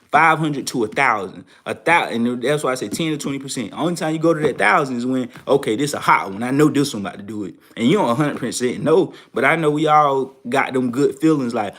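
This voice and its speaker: A young man hosting a trading show, talking casually and repeating phrases for emphasis. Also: fairly high pitch. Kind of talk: casual advice talk to viewers.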